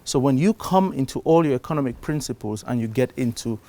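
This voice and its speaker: A middle-aged man from Cameroon giving a live talk to a conference audience. He gets louder to stress his points, then drops down again. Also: medium pitch, brisk. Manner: animated, shifts loudness for emphasis. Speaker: conference speaker. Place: conference stage before an audience.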